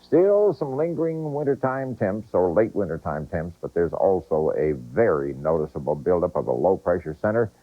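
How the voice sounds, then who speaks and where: Deep husky weatherman, tinny sound. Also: normal speed, few pauses. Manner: chatty, relaxed asides. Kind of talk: folksy weather forecast. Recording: tinny, lo-fi broadcast tape.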